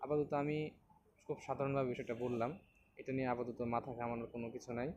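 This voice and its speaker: A man teaching a beginners' reading lesson, patiently explaining and repeating each letter slowly for learners to copy. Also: mid-range voice, steady tone, darkish tone, highs cut off, slight background noise. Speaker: Quran teacher.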